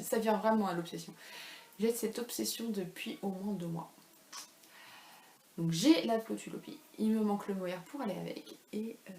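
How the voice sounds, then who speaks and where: With a fairly low, darkish voice, a thirty-something woman who runs a knitting podcast talks casually at home in a rambling, self-deprecating manner, full of fillers. Her room is echoey and carries faint ambient noise.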